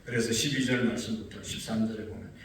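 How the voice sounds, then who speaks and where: A man's voice: lowish voice, quick pace, background noise. A man preaching an early-morning sermon as pastor, earnest and rising in emphasis when he quotes scripture. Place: church sanctuary. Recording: echoey distant mic with faint ambience.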